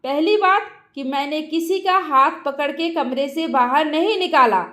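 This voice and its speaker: A woman voicing a calm young married man defending himself, in a roomy echo. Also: sits high, a little slow. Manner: calm, steady.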